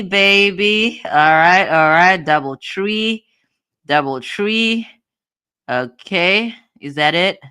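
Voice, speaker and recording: A woman's voice: low voice, pushed and bright, clear, resonant tone, no echo. A woman hosting a livestream, giving casual commentary on court documents as she thinks aloud and repeats her phrases. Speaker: livestream host.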